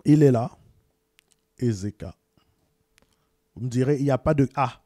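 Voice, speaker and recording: A man's voice: medium pitch, measured pace, mellow, dry recording, studio quality. A man from Cameroon talks casually to viewers, repeating words and sending greetings as he explains. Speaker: video presenter.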